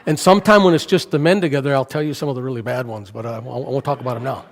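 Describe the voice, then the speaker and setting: A sixty-something American missionary jokes his way through a folksy missions talk for a church congregation, speaking very fast in a medium-pitched voice. The sanctuary setting adds hall reverb to the recording.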